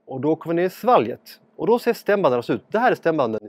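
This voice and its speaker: A man calmly explaining, step by step, while talking with a scope tube passed through his nose into his throat, in a clinic room. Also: fairly high pitch, no echo. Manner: calm, step-by-step explaining to viewers. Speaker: presenter demonstrating a laryngoscope. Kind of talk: explanatory demonstration.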